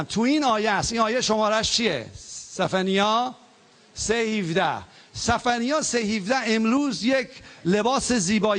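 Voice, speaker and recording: A male pastor preaching a sermon, exhorting his congregation and leading them to repeat prayers aloud, his voice swinging between lively passages and low, hushed prayer.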